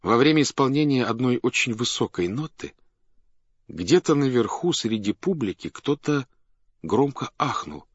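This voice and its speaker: A man narrating a classic story aloud in an expressive, theatrical reading style. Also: medium pitch, normal speed, slightly rough, no room sound. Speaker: audiobook narrator. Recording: dull dry studio recording.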